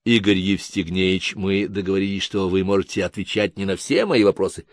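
Brief: audiobook figure, soft-spoken radio interviewer, read by a man, cool and clinical, lower and quiet, dry close sound. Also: dry recording, natural voice. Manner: calm, measured, soft, like a psychiatrist.

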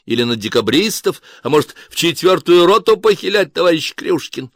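Man putting on a brash young performer who yells mocking taunts up high in a dry, close recording. the voice bounces with bold, cheeky glee. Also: animated, brisk, no echo. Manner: high, shouting mockery.

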